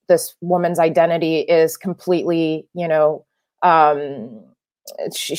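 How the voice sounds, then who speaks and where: In this interview, a young adult woman filmmaker, French by first language, gives considered answers. They are peppered with fillers and frequent restarts, and her voice sits on the low side.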